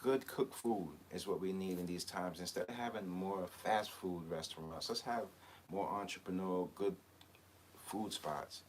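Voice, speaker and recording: A man's voice: sits low, normal speed, slight background noise. A man from Barbados, a clothing designer hosting a live chat, talking casually and rambling with many hesitations and fillers. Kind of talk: casual live-stream talk.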